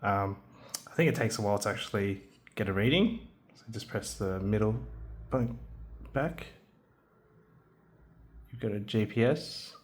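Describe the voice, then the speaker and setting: In a relaxed product demo, an adult man with a young son walks through a handheld radio kit, often saying um and starting over. His voice is fairly low and measured, broken by long pauses.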